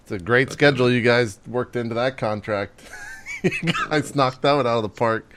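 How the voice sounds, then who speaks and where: A man's voice: mid-range voice, moderate pace, a bit bright. A man hosts a casual online podcast, laid-back and fond of teasing his guests. His voice sits in an ordinary middle range. He keeps the chat moving. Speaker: host.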